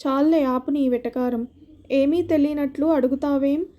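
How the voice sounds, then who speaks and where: A woman reading as a gentle, troubled middle-aged wife in an audio story, her high voice soft and mellow. She speaks quietly, with a sorrowful, even delivery. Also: moderate pace, close to an everyday voice. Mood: soft, sad.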